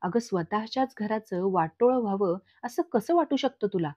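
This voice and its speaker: A woman's voice: mid-range voice, expressive, moderate pace, darkish tone, no room sound, clean studio sound, lightly acted. A woman voicing an ambitious, frustrated middle-aged uncle who pleads and boasts. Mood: pleading. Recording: dull lo-fi recording.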